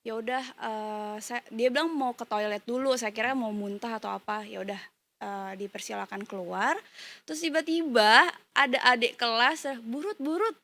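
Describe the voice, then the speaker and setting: A woman's voice: a little high, moderate pace, sharp tone. A woman who teaches primary school, telling a story in a casual interview with many hesitant fillers.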